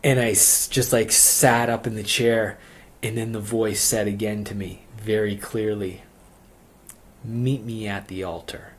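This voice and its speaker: A man telling his personal conversion testimony in an earnest, halting way, repeating phrases and often saying "like". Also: lowish voice, level tone, slight background noise. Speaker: speaker giving a religious testimony.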